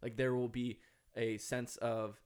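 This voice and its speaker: Earnest minnesota-accented guy talking philosophy on a podcast, emphatic, mid-pitched voice. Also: level tone, measured pace, a little mellow, clear, resonant tone. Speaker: author guest. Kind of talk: reflective podcast conversation.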